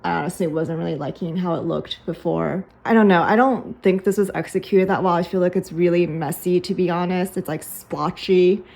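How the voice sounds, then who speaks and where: A young woman chatting casually in a home vlog, relaxed and easygoing, with a soft laugh now and then. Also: lowish voice, moderate pace, gravelly, hardly any pauses. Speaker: vlogger. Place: small apartment kitchen and home.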